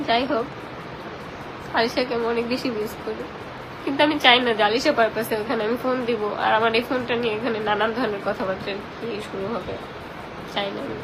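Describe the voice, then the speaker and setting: A woman's voice: on the high side, poor audio. A young woman chats casually and emotionally on a personal live stream, talking through tearful, snotty crying. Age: young adult. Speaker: social media live streamer reading and answering viewers' comments.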